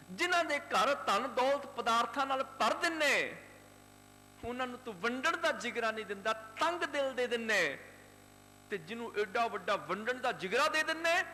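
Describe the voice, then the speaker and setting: A man's voice: high-pitched, pushed and bright, exaggerated voice. A male preacher voicing a poor, loving old grandmother who prays fervently. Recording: hall reverb, faint hum.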